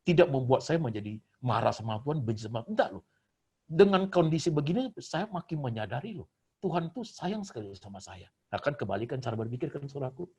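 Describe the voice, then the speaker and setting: An older man, a pastor, preaching a sermon. His talk swings between loud, emphatic exhortation and soft, low asides, with English phrases mixed in. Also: big pitch swings, fast, husky.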